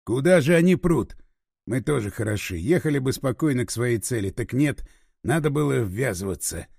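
Man reading a grumpy, sarcastic male driver, lively storybook delivery. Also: medium pitch, slow pace, breathy edge, no echo, studio quality, voice pushed down, exaggerated voice. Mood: grumbling. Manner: grumbling, sarcastic. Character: grumbling irritated male driver, barely restrained.

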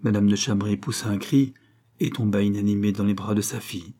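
A man reading a classic novel aloud as narrator, measured and dramatic. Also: fairly low pitch, fairly even intonation, dark tone. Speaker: audiobook narrator. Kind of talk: scripted narration.

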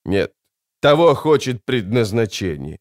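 A man voicing a calm, resolute young knight, speaking in a measured, slow and steady way for an audiobook. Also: on the low side, no echo, studio quality. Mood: grim. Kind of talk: audiobook character voice.

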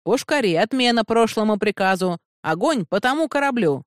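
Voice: medium pitch, brisk, no room sound, clean studio sound, lightly acted. An audiobook narrator voicing a ship's captain in battle, barking orders at the crew with a raised voice. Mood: commanding shout. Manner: barked orders. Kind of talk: audiobook character voice.

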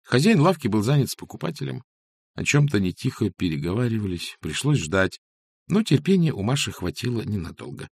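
Husky, lively male audiobook narrator. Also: fairly low pitch, brisk. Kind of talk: scripted narration.

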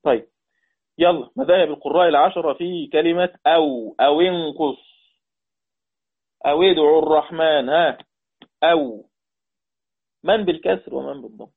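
A man's voice: fairly high pitch, normal speed, long pauses, breathy edge. A man with an Egyptian Arabic accent teaching a Quran recitation lesson. He repeats points and quizzes his students. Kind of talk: online lesson explaining readings. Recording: tinny phone-like line.

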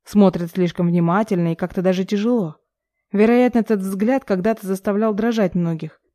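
A woman narrating a first-person novel in a measured, even reading. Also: medium pitch, no echo, clean studio sound. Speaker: audiobook narrator.

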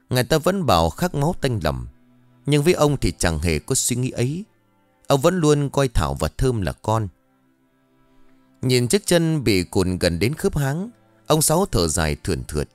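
A man narrating an audio story in a dramatic, expressive reading style. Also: mid-range voice, dry recording.

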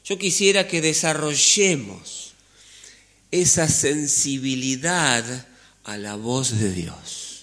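A pastor with a Rioplatense Spanish accent gives a conversational sermon in church, speaking slowly in a mid-range, fairly bright voice. He keeps checking in with listeners using frequent "¿eh?" and sometimes drops suddenly to near-whisper.

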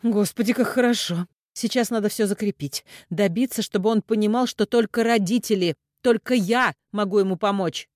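A woman's voice: mid-range voice, normal speed, darkish tone, dry recording, clean studio sound, voice pushed up, lightly acted. A man voicing a hysterical middle-aged woman who shrieks in panicked outbursts. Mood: frantic relief.

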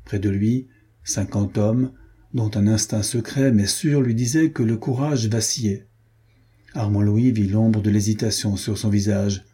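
Male audiobook narrator, very husky, dark mellow tone, steady measured reading. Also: fairly low pitch. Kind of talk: scripted novel narration.

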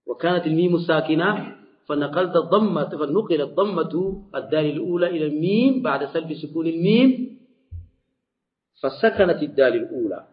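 A man gives a grammar lesson in a slightly high voice, going over each point slowly and repeating words. The recording is dull and lo-fi. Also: lively intonation. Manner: slow, repeats and restarts words while explaining. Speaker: teacher.

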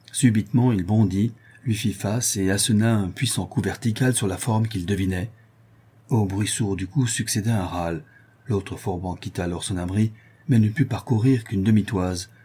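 A man reading a historical novel aloud in a steady, measured way. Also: low-pitched, husky. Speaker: audiobook narrator. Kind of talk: scripted narration of a historical novel.

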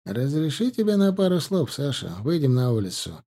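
A man voicing a calm, stern counterintelligence captain who speaks in an impassive, measured way. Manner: impassive, measured, slightly higher pitch.

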